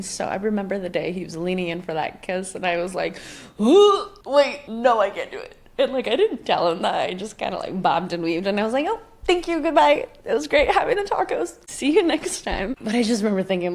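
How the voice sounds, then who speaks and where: A woman in her thirties hosting a podcast, talking casually in a rambling way full of "like". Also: mid-range voice. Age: 30s. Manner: rambling, filler-heavy, with frequent "like". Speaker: podcast host. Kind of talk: casual chatty monologue.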